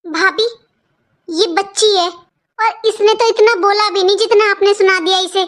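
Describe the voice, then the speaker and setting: A woman's voice: extremely high pitch, fairly even intonation, measured pace, fairly bright tone. A woman voicing a mother in a cartoon who defends her daughter, with a wounded, defensive manner. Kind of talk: cartoon voice acting.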